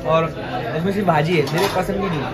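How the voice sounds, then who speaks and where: A man's voice: sits high, fairly even intonation, rapid-fire. A teenage boy at a restaurant table chatting casually and mixing in English, picked up by a phone camera. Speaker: friend at the table. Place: busy indoor restaurant. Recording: from the mic, loud crowd noise.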